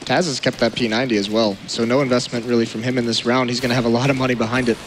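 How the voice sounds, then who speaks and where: A man's voice: mid-range voice, flat delivery, racing. A man as an esports caster, giving explanatory analysis of a match. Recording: faint game noise behind commentary. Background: faint video game ambience.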